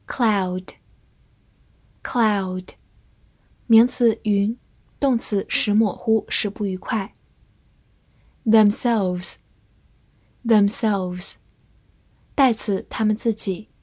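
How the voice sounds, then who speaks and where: A woman's voice: medium pitch, darkish tone, no room sound. A woman teacher reading a scripted vocabulary review, saying each English word twice and then its part of speech and meanings.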